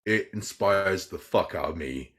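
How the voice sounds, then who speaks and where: Brief: deep-voiced man, podcast host, excitable and rambling, swears often. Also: measured pace. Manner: enthusiastic, rambling, swears a lot. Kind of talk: casual chat.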